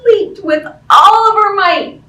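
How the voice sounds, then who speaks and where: This woman's voice is very high, slow, and sharp in tone as she hosts story time, giving an animated read-aloud of a picture book and talking with young listeners in simple language full of questions. The audio is roomy and far-off, with a faint hum of background noise.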